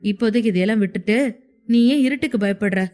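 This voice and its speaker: A woman voicing a caring young man who gently reassures his wife in a storybook narration. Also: medium pitch, fast, close to an everyday voice. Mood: reassuring. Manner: soothing, reassuring.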